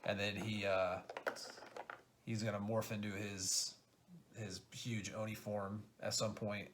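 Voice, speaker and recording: A game designer chatting excitedly through an unboxing, halting often with fillers. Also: male voice, fairly low pitch, background noise. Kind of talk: casual unboxing chat.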